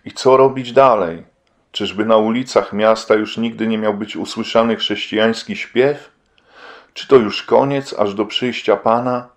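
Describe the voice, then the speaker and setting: A man narrating an audiobook with steady, measured reading. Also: lowish voice. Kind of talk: scripted narration.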